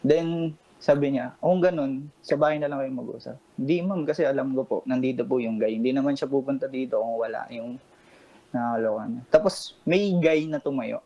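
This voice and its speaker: Young man, radio caller, polite and calm, tells a personal story, quotes others' words, average-pitched voice. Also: fairly quick, dull audio. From Pampanga, Philippines. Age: 20s. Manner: polite and respectful, calmly recounting a confrontation and quoting others. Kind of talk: telling a personal story on a late-night call-in radio show.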